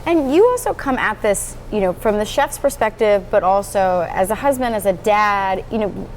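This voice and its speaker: A woman's voice: medium pitch, expressive, moderate pace, a little hiss or hum. Enthusiastic woman host asking questions. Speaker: host and interviewer. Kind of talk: conversational interview.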